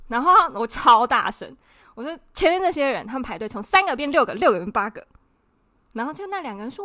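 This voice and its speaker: A woman, co-hosting a podcast and telling a story in an indignant, animated way, acting out the people she quotes. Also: mid-range voice, no echo. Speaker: podcast co-host. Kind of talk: casual storytelling chat.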